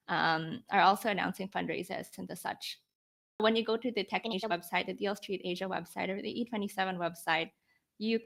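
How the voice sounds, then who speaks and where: A woman of around twenty from the Philippines, a startup founder, explains her thinking conversationally in a podcast interview. She works through rhetorical questions and examples. Her voice is lowish and a bit bright, with vocal fry.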